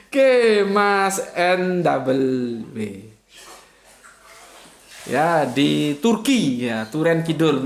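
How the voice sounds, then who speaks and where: A man hosting a casual online religious talk, reading viewer comments with joking, teasing asides and frequent chuckles. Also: on the high side. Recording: echoey room.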